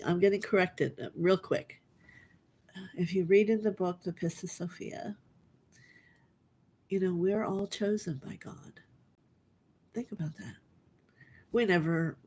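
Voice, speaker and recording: A middle-aged woman giving a live online spiritual reading to her callers. She speaks softly and gently, often dropping into a breathy half-whisper. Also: lowish voice. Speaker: spiritual reader.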